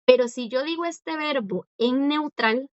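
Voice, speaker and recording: Teacher, female, patient, keeps checking in with the class; slightly high voice, dry dull lo-fi recording. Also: unhurried, no echo. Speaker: language teacher. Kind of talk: live class explanation.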